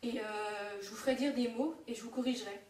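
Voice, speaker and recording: A young woman from France explains things in a casual home-made lesson, pausing on fillers and fixing her own slips. Her voice sits a little high. She is recorded from some distance in an echoey room with a faint hiss behind her. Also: fairly even intonation, a little mellow. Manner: hesitant, many fillers and self-corrections. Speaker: online Japanese teacher.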